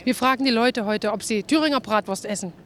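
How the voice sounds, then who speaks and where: A woman reporter doing chatty vox pop interviews on a city street for regional TV, bubbly and quick to laugh. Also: on the high side, fairly bright tone. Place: city street outdoors with trams. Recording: faint street noise outdoors.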